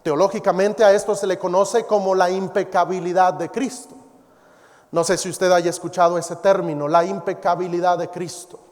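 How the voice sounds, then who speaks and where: A man preaching a sermon as pastor, dropping to soft, low emphasis on key words and reading scripture aloud. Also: little pitch movement, normal speed. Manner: quotes scripture and mimics others in a raised voice. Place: church. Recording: long hall reverb.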